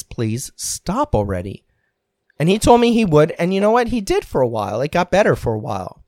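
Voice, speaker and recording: A man candidly recounting a painful personal story, earnest and reflective, pausing and restarting as he talks. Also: medium pitch, a little mellow, no echo, clean studio sound. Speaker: podcast guest telling his story.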